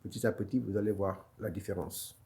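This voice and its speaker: This man teaches Quran recitation online in a low-leaning, steady voice that is brisk, gravelly and husky. Though he talks briskly, the lesson itself proceeds slowly, step by step; he encourages and gently reassures students, saying each sound several times over.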